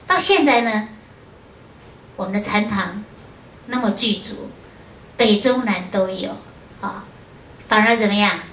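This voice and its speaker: A Buddhist nun lectures in a foundation's lecture room, recounting her memories to an audience in a fairly high voice. Her storytelling is lively, peppered with short "hao" and "ha" fillers. The roomy hall echoes, with faint ambient noise in the background.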